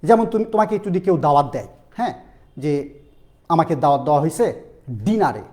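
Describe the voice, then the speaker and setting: A male teacher from Bangladesh leads an online admission-prep class in a mellow, warm voice that swings up and down. He keeps asking his students questions and says the key phrases slowly, again and again. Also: fairly high pitch, expressive.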